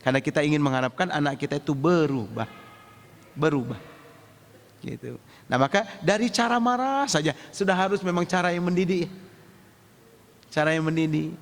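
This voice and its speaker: A man preaching a sermon, telling lively stories and acting out parents and children in slang. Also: fairly high pitch, normal speed, pauses often, long reverb tail. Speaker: Islamic preacher.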